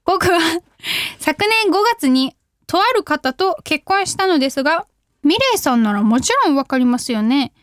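A young woman hosting a radio show, reading listener letters in casual chat, bubbly and giggly, sometimes shouting catchphrases. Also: high-pitched, expressive, normal speed, dry recording, studio quality.

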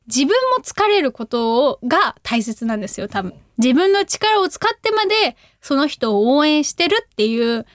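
A giggly, bubbly young woman presents a radio show, chatting casually as she reads listener letters and sometimes shouting catchphrases. Her voice is high-pitched, and the clean studio sound has no echo.

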